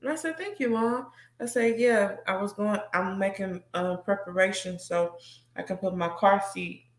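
A woman's voice: mid-range voice, normal speed. A young adult woman chatting casually on a live stream, rambling and sentimental and laughing often. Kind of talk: casual chat. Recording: echoey room.

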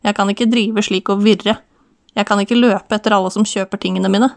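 A man's voice: high voice, steady tone, gravelly, no room sound. A woman voicing an anxious middle-aged man. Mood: urgent. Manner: urgent inner thoughts.

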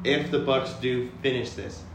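A man's voice: medium pitch, unhurried, distant mic. A man on a sports podcast panel, chiming in cheerfully with jokey remarks. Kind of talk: casual sports podcast chat. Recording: roomy, off-mic, faint noise.

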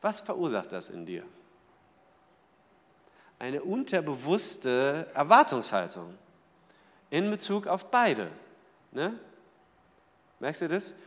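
A man preaching a sermon in a lively way, asking the audience questions and acting out small everyday scenes. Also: fairly high pitch, long reverb tail. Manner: lively, asks the audience rhetorical questions, acts out little scenes. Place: church hall.

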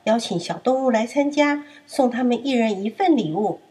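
A woman's voice: fairly high pitch, animated, normal speed, dark tone, breathy edge. A woman voicing a stern old male elephant grandpa in a children's story, with a scolding manner.

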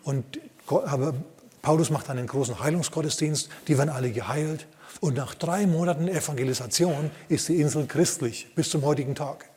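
A male pastor preaching a sermon, retelling a story with lively asides to the congregation. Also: on the high side, fairly quick, big-room sound.

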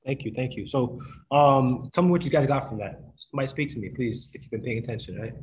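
A man's voice: mid-range voice, fast talker, rough recording. A man teaching a Bible lesson to a group in a casual way, often checking in with his listeners. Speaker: youth Bible study leader.

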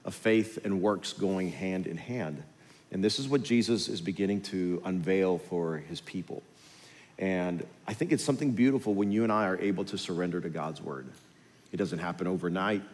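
A male pastor giving a sermon, telling the story with lively, animated delivery and acting out the characters. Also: sits low. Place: large church hall. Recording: hall reverb with faint music.

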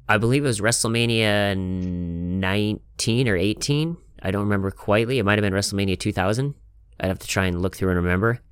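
A man leads a casual podcast conversation, swearing freely and rambling with emphatic force. His voice is low and smooth. It sounds dry and close, with no room echo. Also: a bit bright. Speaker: podcast host. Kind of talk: casual chat.

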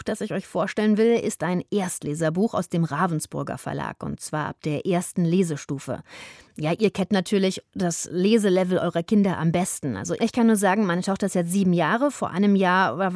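A woman's voice: on the low side, a little fast, no echo, clean studio sound. A woman in her thirties recommending a children's Christmas book to viewers in a chatty way, now and then reading passages aloud. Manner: lively and chatty, addressing viewers.

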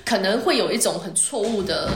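A woman's voice: medium pitch, lively intonation, fairly quick, over music. A woman with a Taiwanese Mandarin accent hosting a casual chat, mixing English words into her Mandarin. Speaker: host interviewing a guest. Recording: echoey room with clear background noise.

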